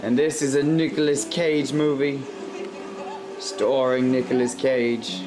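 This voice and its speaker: Man doing a spoof nature-documentary narrator, deadpan, monotone delivery, music playing underneath. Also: medium pitch, unhurried, close to an everyday voice. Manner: deadpan, flat spoof commentary. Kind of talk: comic nature-documentary parody.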